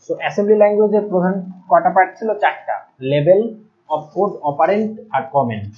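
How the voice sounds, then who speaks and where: A young man teaching programming, explaining step by step and pausing to write things out and correct himself. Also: sits high, expressive. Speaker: ICT teacher. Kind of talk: recorded classroom lecture. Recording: dull lo-fi recording.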